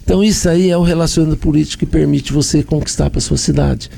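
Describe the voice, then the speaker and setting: Brazilian male mayor, dark gravelly low voice, methodical explainer who lists things. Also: fairly even intonation, fast. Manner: explanatory, lists points with repeated phrases. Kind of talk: radio interview answers.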